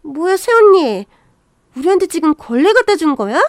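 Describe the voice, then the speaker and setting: Woman voicing a snippy young sister-in-law for an audio drama, shrill and whiny, high voice. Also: wildly swooping pitch, takes it slowly, dry recording, studio quality, exaggerated voice. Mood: indignant.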